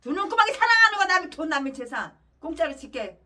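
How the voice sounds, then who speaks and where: A woman's voice: extremely high pitch, very animated, fast, sharp tone, recorded from a distance. A woman pastor preaching a fiery sermon, ranting angrily with scornful, profane insults.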